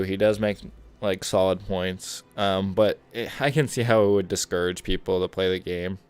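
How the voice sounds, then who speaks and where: A man with a low, deep voice talks loosely to his viewers while gaming. His chat is rambling and laid-back, full of asides. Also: darkish tone, clean tone. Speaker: streamer. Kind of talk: casual gaming stream chat.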